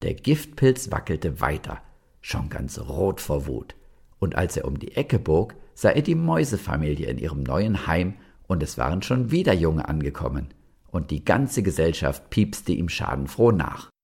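A man reading a children's story aloud, lively and speaking directly to the children. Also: very deep voice, normal speed, creaky, breathy edge.

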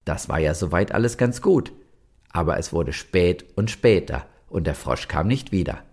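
Casting: male storyteller for kids, deep and lively, husky. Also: moderate pace. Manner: lively, addresses children directly. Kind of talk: reading a children's story aloud.

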